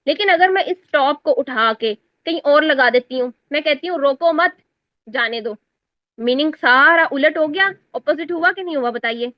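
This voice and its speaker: A high-pitched woman teaches a class on Quran recitation. She explains each point step by step and keeps checking that her students understand. The recording is dry and a little dull. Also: few pauses, no echo. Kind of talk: class lesson explaining exam answers.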